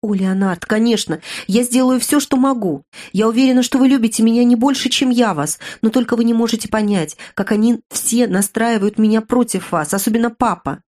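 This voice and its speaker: A woman's voice: on the high side, brisk, hardly any pauses, a little mellow, voice pushed up, close to an everyday voice. A woman voicing a desperate, lovesick young woman of about twenty in an audiobook, pleading and emotional.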